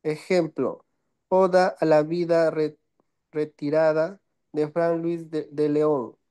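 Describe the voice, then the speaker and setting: A man's voice: on the high side, flat delivery, warm tone, clean tone. A male student reading his notes aloud, stumbling and correcting himself, heard over his phone. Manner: halting, stumbling, self-correcting.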